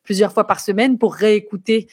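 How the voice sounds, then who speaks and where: Woman, French accent with a hint of Quebec, chatty, lively, filler-heavy, interview guest, live online call. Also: medium pitch, brisk, breathy edge. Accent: French with a light Quebec touch. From France. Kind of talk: casual interview chat. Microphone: computer for a live online interview.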